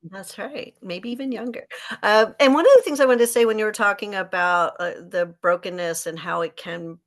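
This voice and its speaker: A woman's voice: mid-range voice, brisk. A woman in her sixties, a guest on a faith podcast, telling her story in an earnest, joyful way. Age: 60s. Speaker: podcast host, author and speaker, as guest. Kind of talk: faith-based conversation.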